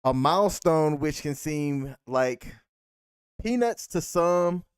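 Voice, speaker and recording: A man's voice: on the high side, expressive, slow, smooth, dry recording, clean studio sound. An American man co-hosting a casual live-stream chat as a podcast host.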